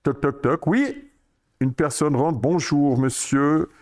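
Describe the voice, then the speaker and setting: A man in his sixties with a Swiss French accent, a podcast guest telling lively anecdotes and acting out the dialogue he quotes. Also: on the high side, slow. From Switzerland. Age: 60s. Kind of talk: storytelling interview.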